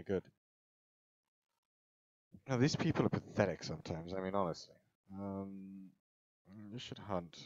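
A man's voice: fairly low pitch, dry recording. A man, playing a survival game in casual let's-play commentary, exclaiming often and bossing the characters around as he mutters to himself. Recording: dull lo-fi home recording.

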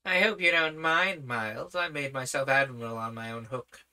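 Guy doing a boyish young prince, excited and chatty, bright voice, storybook read. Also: mid-range voice, moderate pace. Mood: boyish excitement. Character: eager boyish young prince and self-made admiral. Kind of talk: audiobook character voice.

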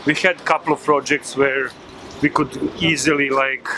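A man in his thirties who runs a digital agency, answering interview questions in a relaxed way, with many fillers and restarts. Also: medium pitch, moderate pace. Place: outdoors on a city street. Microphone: filmed by handheld camera. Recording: noisy street recording.

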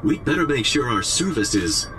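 A man's voice: medium pitch, sing-song, moderate pace, fairly bright tone, a little hiss or hum. A man voicing a bossy, matter-of-fact robot chef in a video game, explaining things in stilted, instructional phrases. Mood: alarmed, urgent. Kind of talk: video game character acting.

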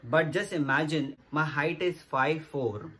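A man's voice: fairly high pitch, unhurried, bright, forceful tone. A man, explaining to camera in a casual, earnest way and repeating his points to viewers. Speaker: vlogger. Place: small indoor room against a plain wall. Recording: music playing underneath.

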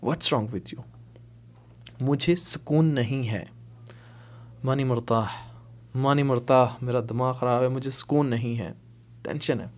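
Man drilling spoken Arabic phrases slowly. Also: medium pitch, fairly even intonation. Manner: repeats phrases slowly, drilling each word. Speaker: language teacher. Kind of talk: spoken Arabic lesson with Urdu and English glosses.

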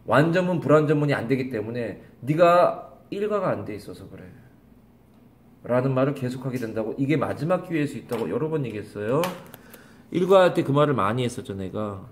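A man's voice: medium pitch, darkish tone. A man teaching an English grammar lesson to a class, calling on students by name, repeating questions and scolding them. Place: small classroom.

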